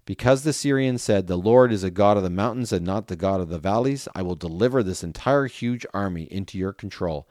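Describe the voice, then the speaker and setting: Solemn male prophet, measured declaiming delivery, low voice, dry close sound, read by a man. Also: a little mellow, no room sound, natural voice. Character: solemn male prophet bearing divine word.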